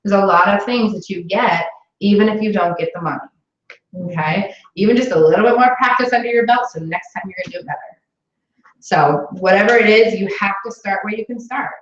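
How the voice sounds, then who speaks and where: A woman's voice: mid-range voice, brisk. A woman in a roomy indoor space talks new recruits through how the business works, chatty and encouraging. Her voice sounds slightly dull, as if recorded on a basic camera. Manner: chatty and encouraging, many fillers. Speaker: sales director coaching new consultants. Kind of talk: casual training talk with a live booking call.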